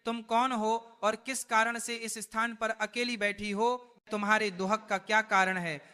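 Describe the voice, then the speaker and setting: A man voicing a kind old sage in a devotional story, speaking gently with concern. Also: high voice, level tone, a little slow, clear, resonant tone, big-room sound. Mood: gentle concern.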